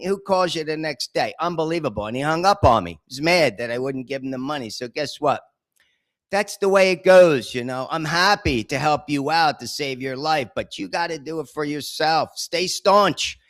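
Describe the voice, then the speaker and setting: A talkative man hosts his own show, spinning a long story full of asides and street slang. His voice sits a little high for a man. The recording is dry and close, with no room sound. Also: moderate pace, a bit bright, no echo. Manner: chatty, rambling, streetwise with frequent asides. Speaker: podcast host. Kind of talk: casual storytelling monologue.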